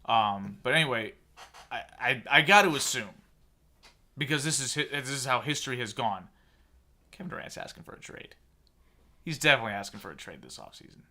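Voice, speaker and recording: Guy in his 30s, bright voice, sarcastic sports rant on a podcast. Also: mid-range voice, expressive, brisk, long pauses. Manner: sarcastic, opinionated ranting. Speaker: podcast host. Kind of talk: casual sports chat.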